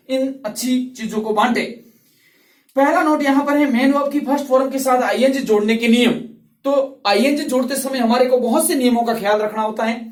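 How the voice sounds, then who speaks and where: A male English tutor explaining grammar rules slowly and patiently, repeating each word and drawing out its sounds. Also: very high voice, distant mic. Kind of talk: classroom grammar lesson. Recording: roomy, voice from off the mic.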